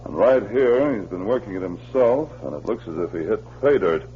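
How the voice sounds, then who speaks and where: A man as Sergeant Preston, animated commanding Mountie. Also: on the low side, lightly acted. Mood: firm, wry. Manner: authoritative, deliberate, crisp. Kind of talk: 1940s radio acting. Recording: muffled, noisy old radio recording.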